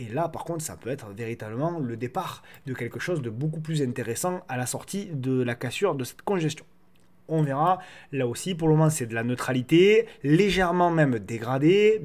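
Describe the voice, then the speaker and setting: A man hosting a casual market commentary video, repeating words as he feels his way through his phrasing. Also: mid-range voice. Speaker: host of a stock market analysis show.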